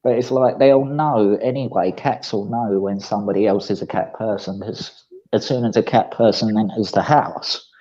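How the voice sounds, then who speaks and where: Mellow man, dull lo-fi mic. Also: lowish voice, steady tone, moderate pace. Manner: rambling, restarts sentences. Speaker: streamer. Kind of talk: casual chat on a stream.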